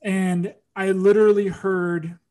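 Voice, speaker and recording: A man's voice: high-pitched, flat delivery, takes it slowly, a little mellow. A man hosting a podcast interview, telling a rambling story with lots of fillers and restarts. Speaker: podcast host. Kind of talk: casual interview chat.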